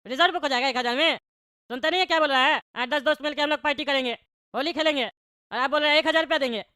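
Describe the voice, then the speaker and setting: A woman's voice: sits high, racing, bright, forceful tone, dry recording, studio quality. A woman voicing a bald, short-tempered male politician in a cartoon, always scolding. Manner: scolding, indignant. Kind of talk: cartoon voice acting.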